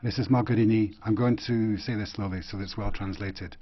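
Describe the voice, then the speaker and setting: A man interprets parliament speeches in real time, his voice low and breathy. He speaks in a halting, measured way with frequent pauses. The audio is muffled like a dull broadcast feed. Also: fairly even intonation.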